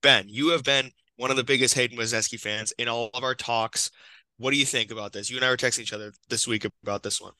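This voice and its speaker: Young male podcast co-host, bright morning voice, dry close mic, keeps the chat moving. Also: medium pitch, fairly even intonation, fast talker, smooth, no room sound, poor audio. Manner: upbeat, steers the talk. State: just woken up, morning voice. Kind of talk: casual sports podcast chat.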